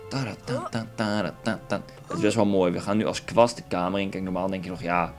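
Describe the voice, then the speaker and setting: A man's voice: low voice, fairly even intonation, quick pace. Joking young Dutch man narrating gameplay. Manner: joking, crude, rambling, with swearing. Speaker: gamer commentating a playthrough. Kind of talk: casual let's play commentary. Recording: faint game music behind.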